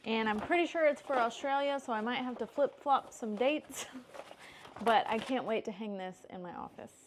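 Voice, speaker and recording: A woman's voice: fairly high pitch, normal speed, a little hiss or hum. A woman in her thirties from the United States, chatting casually to camera in a home vlog. She is upbeat, laughs often and restarts her sentences. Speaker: homestead vlogger.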